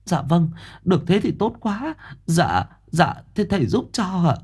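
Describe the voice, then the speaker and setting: A woman's voice: on the low side, big pitch swings, measured pace, darkish tone, husky, voice pushed up, exaggerated voice. A man voicing an anxious, fawning middle-aged mother who pleads deferentially.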